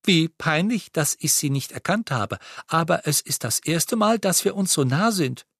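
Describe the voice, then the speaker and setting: A dreamy teenage boy speaks with courtly, flowery politeness, eager to please, in a voice raised well above a man's usual, as a male reader puts him on. The delivery is lively and swooping, recorded close and dry with no room sound at all. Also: fairly high pitch, moderate pace, creaky, breathy edge, no room sound, pitched above the performer's own voice, heavily acted.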